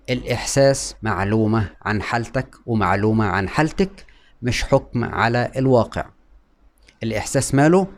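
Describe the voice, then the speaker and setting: A man with an Egyptian Arabic accent, giving a calm explanatory talk to camera as a mental health educator, often repeating key points and asking and answering his own questions. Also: medium pitch.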